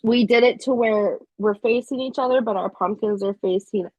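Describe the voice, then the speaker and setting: Husky-voiced chatty woman in her thirties. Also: mid-range voice, moderate pace, a little mellow, no echo, rough recording. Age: 30s. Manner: chatty, storytelling, many "like" fillers. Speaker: guest. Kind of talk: casual interview chat.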